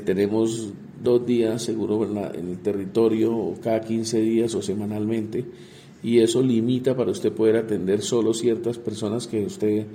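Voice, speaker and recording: Congressman, male, deep dark tone, halting interview answers, faint hiss. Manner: halting, repeats words while searching.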